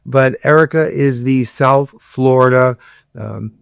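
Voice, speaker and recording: A man hosting a podcast, interviewing a guest in an enthusiastic way, with quick bursts of talk. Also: mid-range voice, gravelly, smooth, dry recording, studio quality. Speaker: podcast host, attorney. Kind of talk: interview conversation.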